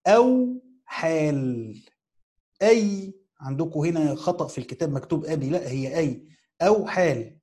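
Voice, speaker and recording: This is a teacher's lesson: a man with an Egyptian Arabic accent reads and explains a text, taking the commentary slowly, phrase by phrase. His voice sits on the high side and sounds mellow. He repeats key words for emphasis and asks his class rhetorical questions.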